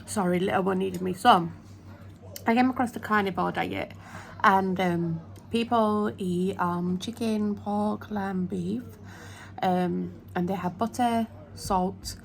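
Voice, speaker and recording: Speaking slowly in a gravelly mid-range voice with fairly even intonation, a young woman from the United Kingdom rambles through an at-home vlog full of ums. She films on her phone camera at arm's length, and the recording has slight background noise.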